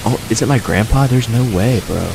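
A man's voice: medium pitch, brisk, creaky, over music, poor audio. A man streaming a horror game with scared, jittery reactions, repeating himself and speaking in profane, slangy commentary.

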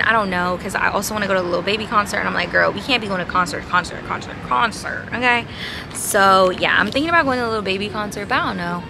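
A woman's voice: medium pitch, gravelly. A young woman in her twenties vlogging to a handheld camera outdoors at night, chatty and sassy, talking to her viewers. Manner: chatty, sassy, addresses viewers as y'all and babes. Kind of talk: casual vlog talk to camera. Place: outdoor city terrace at night. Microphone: handheld camera at arm's length. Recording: noisy outdoor city street.

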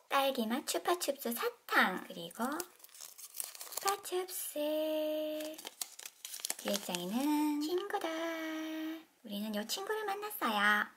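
Bubbly high-voiced woman hosting toy unboxings. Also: big pitch swings, normal speed, background noise. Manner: playful, exclaims often, talks to kids. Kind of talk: cheerful narration for children.

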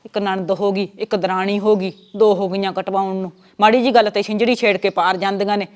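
Speaking a bit quickly in a medium-pitched, fairly even voice close to her everyday tone, a woman plays a domineering older mother-in-law from a village family. She talks bluntly and scolds with Punjabi village speech.

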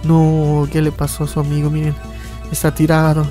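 A man giving casual, excitable gameplay commentary, often yelping and laughing at the game. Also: fairly high pitch, moderate pace, soft background music. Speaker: gaming YouTuber.

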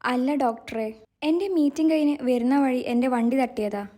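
Anxious, apologetic young man, read by a woman narrator; high, mellow tone. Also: moderate pace. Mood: earnest. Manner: apologetic, earnest pleading. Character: young man, anxious but kind driver.

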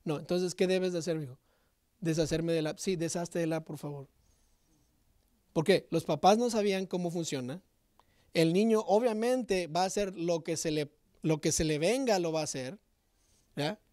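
Guy pastor preaching, kinda high voice, keeps asking the crowd "right?", very dry sound. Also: normal speed, dry recording. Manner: animated, direct, asks the congregation rhetorical questions. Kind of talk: sermon.

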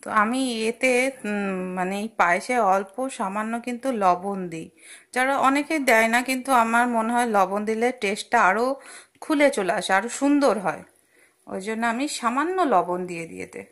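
A young woman hosts a cooking channel, narrating a casual demo at the gas stove in her home kitchen while a pan fries and sizzles behind her. Recorded on a phone, she chats through each step with fillers and asides in a fairly high, fairly bright voice at normal speed.

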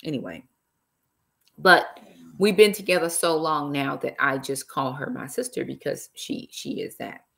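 Speaking at a measured pace, this middle-aged author has a low-pitched, gravelly, somewhat bright voice. She hosts a laid-back live stream from an armchair in a small room, chatting into her laptop webcam with "y'all" and words of praise.

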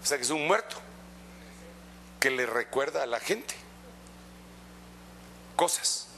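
A middle-aged male pastor with a Guatemalan accent, preaching in an impassioned, conversational way that swings from loud exhortation to hushed asides. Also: medium pitch, big pitch swings, takes it slowly, a little hiss or hum. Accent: Guatemalan Spanish. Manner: conversational, addressing listeners as brother. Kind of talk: preaching sermon.

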